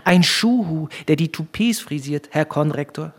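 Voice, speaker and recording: Dreamy unhinged young student, rapt and fervent, a man voices him, husky. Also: on the high side, normal speed, voice pushed up.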